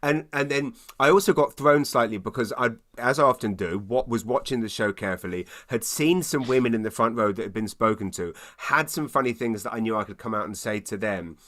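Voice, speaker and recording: Self-deprecating British comedian telling a story. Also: male voice, mid-range voice, brisk, few pauses. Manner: self-deprecating, animated storytelling with stammered repeats. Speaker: stand-up comedian, guest. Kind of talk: comic anecdote in casual conversation.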